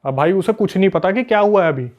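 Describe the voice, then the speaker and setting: A man's voice: high voice, fast, dull audio. A man telling a spooky story on a casual podcast, retelling it with energy and acting out what people said. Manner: animated retelling that acts out the quoted people. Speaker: guest storyteller.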